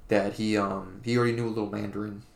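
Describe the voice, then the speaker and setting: A young man from Florida co-hosts a podcast, chatting in a laid-back, rambling way full of fillers. His fairly low voice is gravelly and a little mellow, delivered flatly and fast, with a reverberant sound.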